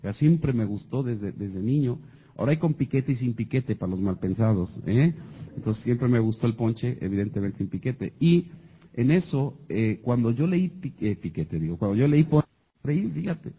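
A man with a Mexican accent entertains an audience with a humorous personal anecdote, animatedly imitating the voices of the people in it. He speaks at normal speed in a mid-range, slightly rough voice over dull audio.

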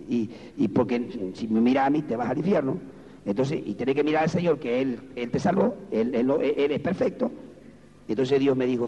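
A man preaching an evangelical sermon in a Rioplatense Spanish accent, dropping low and intimate, then climbing to high shouted exclamations. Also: husky. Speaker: pastor. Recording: dull lo-fi sound with long hall reverb.

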